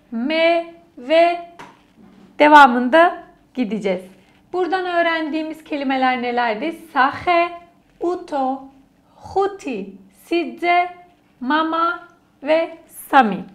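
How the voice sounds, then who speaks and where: A woman teaching an alphabet lesson to children, patiently repeating each letter and word aloud for the class to copy. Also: high voice. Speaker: language teacher.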